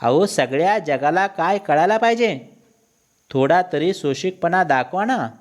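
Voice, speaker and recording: Exasperated wife scolding her husband, a male teacher putting her on, high, loud, nagging. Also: sing-song, moderate pace, breathy edge. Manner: nagging, raised and reproachful.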